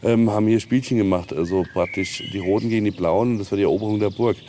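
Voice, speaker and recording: A man with a lowish, mellow voice talks fast in a steady tone while leading an informal castle tour outdoors. He explains the history hesitantly with many ums, in a noisy outdoor location recording.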